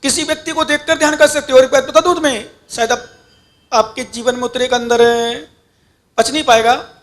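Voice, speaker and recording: Monk preacher, male, very high voice, fervent prayerful sermon delivery, direct questions to the congregation. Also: level tone, brisk, a bit bright. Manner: addresses listeners directly with instructions. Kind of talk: devotional sermon.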